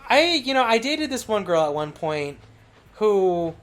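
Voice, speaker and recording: Deadpan teasing man co-host. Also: high voice, measured pace, soft background music. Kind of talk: casual gaming podcast chat.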